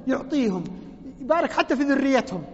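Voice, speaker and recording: High-voiced fervent preacher. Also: male voice, animated, quick pace. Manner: fervent and emphatic, repeats phrases for stress. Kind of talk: sermon explaining a poem. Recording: dull lo-fi recording in a reverberant hall.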